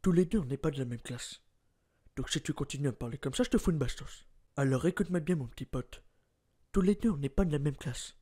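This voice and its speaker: A man's voice: fairly high pitch, quick pace, warm tone, pitched below the performer's own voice, natural voice. A man voicing a menacing tough guy who threatens to slap someone. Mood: threatening.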